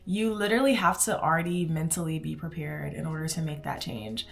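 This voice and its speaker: A woman's voice: deep voice, fairly quick, vocal fry. A woman in her twenties from Houston, chatting casually and rambling as she does her makeup for a beauty vlog. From Houston, Texas. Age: 20s. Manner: chatty, rambling, says "like" often. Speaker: beauty vlogger. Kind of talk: casual chat while doing makeup.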